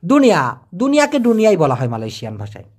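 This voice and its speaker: Lively high-voiced man teaching vocabulary. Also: slightly rough. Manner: explains words with repeated slow pronunciations and everyday examples. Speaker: language teacher. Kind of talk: casual vocabulary lesson.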